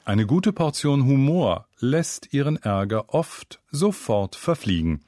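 A man's voice: medium pitch, slow, no room sound, soft background music. A man narrating a scripted humorous story in a wry, storytelling manner, recorded close on a studio mic. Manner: wry, storytelling with lively intonation.

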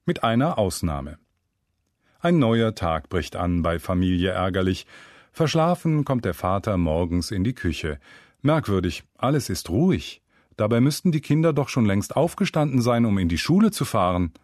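A man's voice: fairly low pitch, moderate pace, no room sound. A man narrating a scripted humorous story in a wry, storytelling manner, recorded close on a studio mic. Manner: wry, storytelling with lively intonation.

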